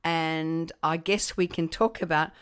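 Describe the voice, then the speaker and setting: A middle-aged woman hosting a conversational podcast, hoarse from a cold and speaking in an emphatic, deliberate way. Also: sits low, fairly even intonation. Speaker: podcast host.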